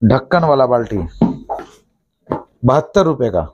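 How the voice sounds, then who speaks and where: A man in his thirties, a shop owner, listing plastic goods and their prices and repeating each price briskly, recorded indoors on a lapel mic in a small shop office. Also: mid-range voice, lively intonation, darkish tone, muffled recording. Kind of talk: product price rundown.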